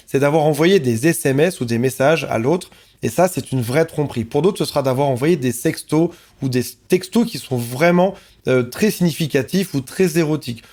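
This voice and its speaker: A man's voice: on the high side, darkish tone. A man, a relationship coach, talking to camera in an earnest, reassuring way and listing points in repeated phrases.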